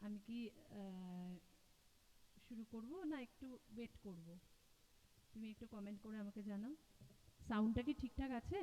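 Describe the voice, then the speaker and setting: A woman's voice: mid-range voice, normal speed, pauses often, dark tone, low-quality recording. A woman hosting a casual live stream, chatting and checking viewers' comments about the sound. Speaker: live stream host and singer. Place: home room with speaker box. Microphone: mic and speaker box in front of camera.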